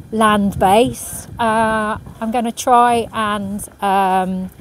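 Standing on a marina pontoon next to a racing yacht, a middle-aged woman who sails professionally responds to viewer questions in a quiet, considered way, often saying um. Her voice is mid-range, and the audio is poor, shot on a hand-held phone at medium distance with clear marina and traffic noise.

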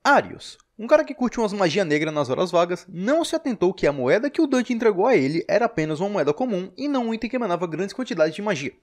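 A Brazilian man narrates a scripted, comedic game critique. His fairly high voice swings animatedly as he delivers sarcastic, exasperated remarks. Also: very animated, fast, hardly any pauses.

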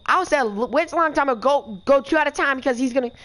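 A woman's voice: high-pitched, fast, a bit bright. A young woman giving casual, frustrated commentary over her gameplay, rambling and swearing. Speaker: gamer streamer. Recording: voice over game music.

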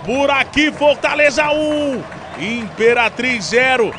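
Brazilian man, live football commentary, excited, very high pitch, noisy crowd behind. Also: slow. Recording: clear stadium crowd noise behind.

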